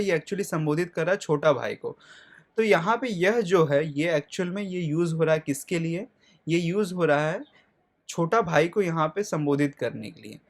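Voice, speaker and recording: A male teacher talks through a grammar lesson in a slightly high voice. He puts questions to the class and answers them himself, and checks in often. He slows right down when he spells out lists of words.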